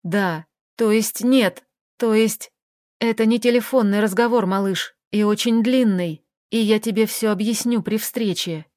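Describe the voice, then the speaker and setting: A woman reading an audiobook, voicing a strained, guarded young man who talks in a halting, subdued way. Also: mid-range voice, darkish tone, no room sound, clean studio sound, lightly acted.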